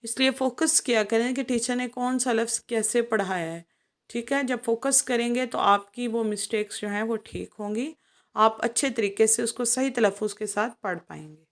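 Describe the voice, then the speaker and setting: Patient woman teaching children. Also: fairly high pitch. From Pakistan. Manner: patient and explanatory, stretching out Arabic syllables for the children to copy. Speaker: Quran teacher. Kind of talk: recorded online lesson for children.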